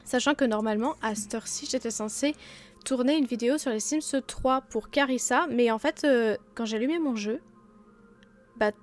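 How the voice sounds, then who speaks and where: A woman's voice: on the high side, normal speed, faint music behind. Chatty sick Frenchwoman playing a game. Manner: chatty, self-mocking, many fillers. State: sick, blocked nose and sore throat. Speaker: let's play host. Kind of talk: casual game commentary.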